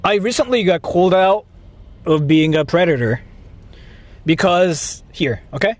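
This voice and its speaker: With a high-pitched, animated voice, this livestream host from Japan talks with his audience at an unhurried pace. He rambles, goes over the same points repeatedly, and throws in some profanity.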